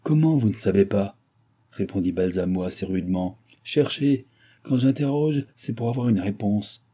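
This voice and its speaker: A commanding mesmerist presses his questions with curt, insistent authority, read by a man. His voice sits low and dark, with a husky edge. He gives orders as though he expects nothing but obedience. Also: lively intonation, moderate pace. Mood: probing. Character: commanding male mesmerist, smooth and probing.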